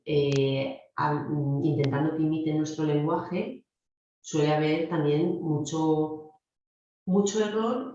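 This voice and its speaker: A middle-aged woman gives a clinical lecture in a low voice, explaining patiently and talking straight to the students. The sound is very echoey and dull, as if recorded lo-fi in a big bare room. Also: dark tone. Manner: explanatory, addresses students directly. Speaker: speech therapy lecturer.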